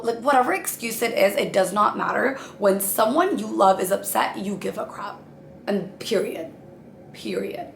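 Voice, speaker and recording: A woman's voice: medium pitch, creaky. A woman in her late twenties giving chatty, earnest relationship advice in a casual vlog, talking straight to her viewers. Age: 20s. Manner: chatty, earnest, addresses viewers as "you guys". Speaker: relationship vlogger. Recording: echoey room with faint ambient noise.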